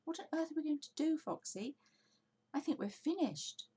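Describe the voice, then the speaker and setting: A woman voicing an excitable, fretful, desperate male badger in a children's storybook. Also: sits high, moderate pace, pitched above the performer's own voice. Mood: alarmed. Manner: exclamatory, fretful.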